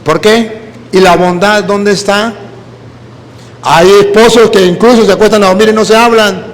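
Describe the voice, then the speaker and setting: A Venezuelan man, a priest, preaching a sermon full of lively personal stories in which he mimics the people he quotes. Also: sits high, moderate pace, big-room sound. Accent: Venezuelan Spanish.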